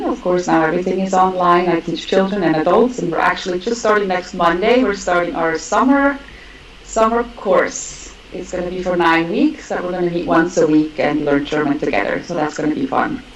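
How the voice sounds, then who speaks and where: A woman in her forties from Switzerland, with a lower voice, chats in a friendly way. Her voice comes across with room echo and a faint noise behind it. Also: normal speed. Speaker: roundtable guest, language teacher. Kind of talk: casual conversation.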